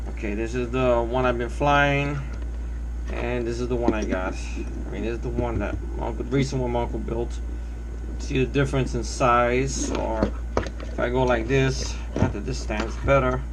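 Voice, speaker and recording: A man's voice: mid-range voice, fairly even intonation, moderate pace, a crowd in the background, rough recording. A man who is a little under the weather gives a casual, rambling, hesitant overview as a hobbyist presenting his build. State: under the weather, coughing now and then.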